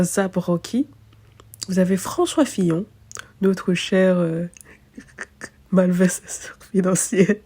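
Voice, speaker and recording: A woman's voice: mid-range voice, warm tone, husky. A woman, an astrologer chatting casually and self-mockingly, thinking aloud with many fillers. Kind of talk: casual chat to camera.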